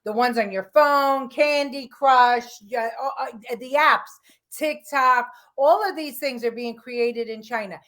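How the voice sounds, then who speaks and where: Woman host, political talk chat, emphatic, opinionated, fairly high voice. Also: slow pace, fairly bright tone. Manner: emphatic, opinionated, many restarts. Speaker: podcast host.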